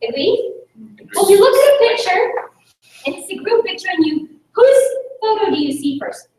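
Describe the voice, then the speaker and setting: At a club meeting, a woman from the Philippines whose native language is Tagalog speaks to the group at normal speed in a high-pitched voice. Energetic and rhetorical, she keeps engaging listeners with questions during a public speaking talk with Q&A. The meeting room is very echoey, she sits a little distant from the mic, and faint noise lies underneath.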